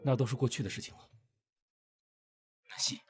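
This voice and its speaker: A man's voice: medium pitch, fairly even intonation, moderate pace, breathy edge. An actor playing a jealous, possessive young male tycoon who talks with intensity and turns to pleading in a TV drama. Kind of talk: TV drama acting.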